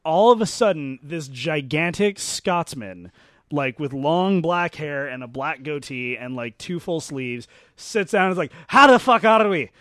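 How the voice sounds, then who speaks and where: A man casually telling funny convention stories with lively, self-deprecating asides. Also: a little high, unhurried, no echo, clean studio sound. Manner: animated storyteller, self-deprecating, swears casually. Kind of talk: casual chat.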